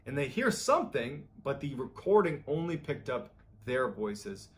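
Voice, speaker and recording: A man's voice: big pitch swings, a little slow. Man casually telling a true story. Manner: conversational, acts out quoted lines with rising pitch. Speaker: storyteller host.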